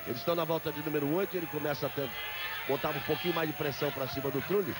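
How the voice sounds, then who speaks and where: A man's voice: a little high, fairly even intonation, racing. A man with a Brazilian accent doing live motor race commentary as lead commentator, calling the action and repeating key phrases. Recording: loud engine and trackside noise. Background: race car engines, outdoor vehicle noise.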